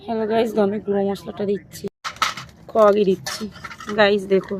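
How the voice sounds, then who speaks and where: A hoarse woman, casually narrating her cooking step by step and greeting viewers often. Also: medium pitch, level tone, fairly quick, noisy background. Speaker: cooking vlogger.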